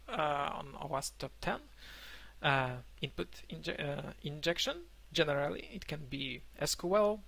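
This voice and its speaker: A young man whose first language is Polish gives an online conference talk from a room at home, pausing often with fillers and restarts over a webcam microphone. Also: fairly high pitch, creaky, bright, forceful tone. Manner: halting, many fillers and restarts. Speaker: conference speaker. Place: indoor room, remote talk.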